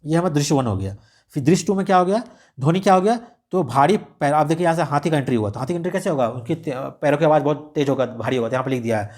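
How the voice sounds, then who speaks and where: Fast-talking man teaching script writing. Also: a little high, animated, a little mellow. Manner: casual explaining, mixing English words, frequent fillers and restarts. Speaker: exam-prep teacher. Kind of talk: explaining a radio script lesson.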